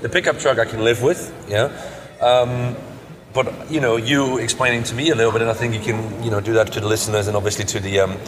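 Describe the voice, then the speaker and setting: A man's voice: medium pitch, fairly even intonation, quick pace. A man from Europe chatting casually as a podcast co-host, emphatic and often repeating words for stress. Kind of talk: casual car show discussion. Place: indoors at an auto show stand. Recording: echoey hall with crowd chatter.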